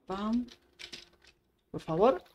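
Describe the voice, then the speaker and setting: A young gaming YouTuber gives chatty Minecraft commentary, talking to herself as she plays and exclaiming often. Her mid-range voice has lively intonation but moves very slowly, over background noise and faint keyboard typing and clicks.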